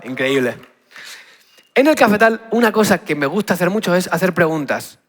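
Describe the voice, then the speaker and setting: A man with a Spain Spanish accent giving an energetic youth talk, punchy and often checking in with the crowd. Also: sits high, normal speed. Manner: punchy, asks the crowd "¿sí?" over and over. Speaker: youth speaker.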